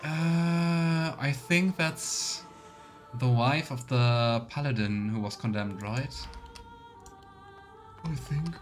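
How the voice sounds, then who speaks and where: Over game music, a man muses casually and sardonically through a let's play of a role-playing game. He speaks at medium pitch, extremely slowly, and pauses often.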